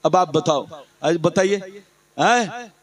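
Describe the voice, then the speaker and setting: Very high-voiced fiery preacher man. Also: lively intonation, slow. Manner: exhorting, repeatedly urging the crowd to shout back; chants Arabic hadith in a sing-song recitation. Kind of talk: fiery sermon to a live crowd. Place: religious conference stage before a crowd. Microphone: stage microphone.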